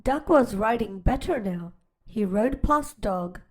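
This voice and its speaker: A woman hosting a storytime channel reads a picture book aloud, pausing for gentle, teacher-like questions to young listeners. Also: mid-range voice, lively intonation. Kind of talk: children's read-aloud storytelling.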